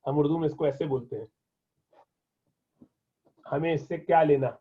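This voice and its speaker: Husky-voiced man teaching over tinny audio. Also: fairly high pitch, mellow. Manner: reads an Arabic phrase slowly, then translates and explains it. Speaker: Arabic teacher. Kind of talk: classroom lesson explaining Arabic in Urdu. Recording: tinny phone-like lo-fi sound.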